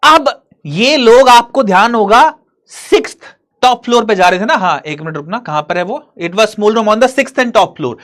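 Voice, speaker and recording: A man teaching an English story to students, reading lines slowly and explaining them in Hinglish. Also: high voice, lively intonation, a bit bright. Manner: addresses students directly, asking and answering his own questions.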